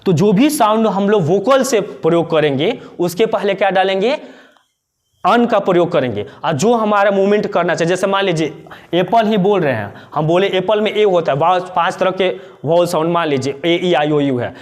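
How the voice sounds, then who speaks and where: Man, high voice, teacher, classroom lesson, quizzes himself as he explains. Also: normal speed. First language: Hindi. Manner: explains step by step, asks and answers his own questions.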